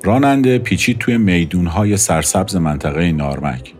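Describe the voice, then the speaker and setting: A man calmly narrating a scripted first-person story in a measured way. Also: sits low, soft background music.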